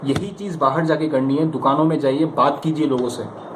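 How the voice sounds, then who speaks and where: Speaking a little fast with a fairly high, fairly even voice, an Indian man who stammers coaches informally on how to practice. He's conversational, emphatic and coaxing, tossing out rhetorical questions and acting out examples in an echoey room with clear background noise.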